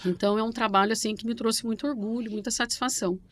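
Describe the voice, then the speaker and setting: A middle-aged woman from Brazil, a podcast guest, telling her story in a lively, warm way. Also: fairly high pitch, fast, a little hiss or hum. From Brazil, São Paulo state. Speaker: guest, banking correspondent. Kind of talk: casual interview chat.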